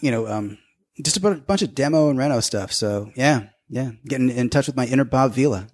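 Regular mid-pitch guy, podcast guest, dry teasing jokes, casual. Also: brisk, darkish tone. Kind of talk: casual chat. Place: apartment room.

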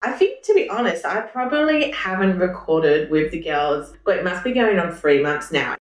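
A woman's voice: on the low side, sing-song, moderate pace, roomy sound, recorded from a distance. A woman hosting a casual podcast, chatting easily and laughing often. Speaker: podcast host. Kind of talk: casual chat.

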